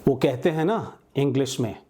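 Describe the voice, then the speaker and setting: A man hosting a show, delivering scripted, reflective narration in a measured way. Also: mid-range voice, animated, dark tone, husky. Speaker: show host.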